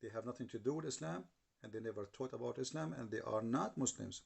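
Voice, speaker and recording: A man's voice: mid-range voice, fast talker, gravelly, husky. A man giving argumentative commentary, translating clips and challenging what they say. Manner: repeats and restarts while translating, challenging tone.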